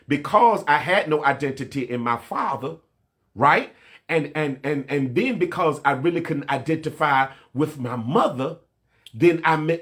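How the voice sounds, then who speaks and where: A man's voice: on the high side, a bit bright. Man preaching with street slang. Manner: street slang, repeats phrases, preaching from own life. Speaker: pastor. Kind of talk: sermon. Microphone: livestream mic.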